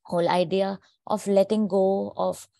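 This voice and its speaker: A woman host reflects in a measured, thoughtful way on her guest's words. Her voice is mellow and dry, recorded close with no room sound. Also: mid-range voice, level tone, vocal fry, dry recording. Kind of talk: reflective interview comments.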